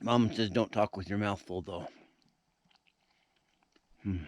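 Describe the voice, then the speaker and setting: A man's voice: lowish voice, steady tone, takes it slowly. A man casually talking to his viewers as "you guys" while camping outdoors at a backcountry campsite, in an easygoing vlog style. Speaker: vlogger.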